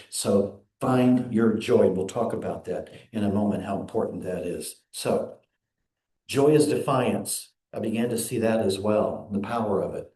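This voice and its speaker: A man minister giving an earnest, measured sermon in a church. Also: fairly low pitch, mellow. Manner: earnest, measured preaching with quoted readings. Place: church sanctuary. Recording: echoey sanctuary.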